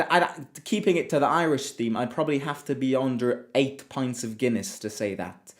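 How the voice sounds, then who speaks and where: A man from Italy with a fairly high-pitched voice hosts a football fan channel, chatting casually on a livestream as he reads viewer comments. He's talkative and keeps interrupting himself, often restarting sentences and repeating words.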